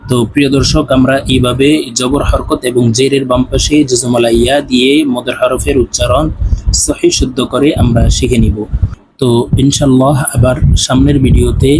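A man from Bangladesh with a Bangladeshi Bengali accent, teaching Quran reading in a slow, drilled recitation lesson. He chants each syllable and repeats it twice. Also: mid-range voice, noisy background.

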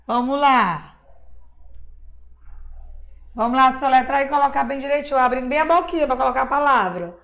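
Her voice is high and fairly bright as this Brazilian woman teaches a class of small children. Calling herself auntie and using diminutives, she patiently spells words syllable by syllable in a slow, drawn-out way.

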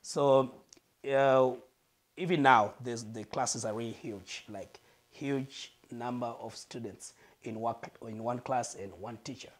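The speaker is a Malawian man, a guest in a living-room setting, recorded on a lapel mic. In a medium-pitched voice he earnestly relates his life story, breaking off here and there to search for words.

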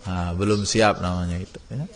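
A male religious teacher giving a lively classroom lesson, teasing and urging his students on. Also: deep voice, normal speed. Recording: long hall reverb.

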